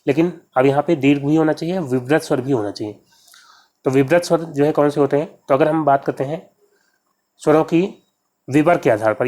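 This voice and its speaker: Teaching exam-prep grammar, a male Hindi tutor tackles practice questions individually and keeps repeating key terms in his explanations. His voice is on the high side and a little mellow.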